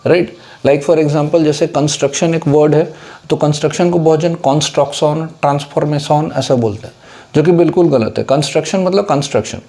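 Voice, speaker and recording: Man teaching English, soft warm tone. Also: fairly high pitch. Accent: Indian English. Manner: explanatory, mixes English into Hindi, asks for understanding. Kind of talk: casual whiteboard lesson.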